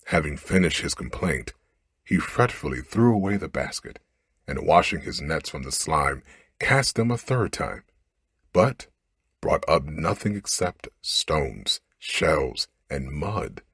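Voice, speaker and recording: A man narrates a bedtime story ASMR-style in a low, very breathy voice, recorded close to the mic. He reads slowly and expressively, with wide melodic movement.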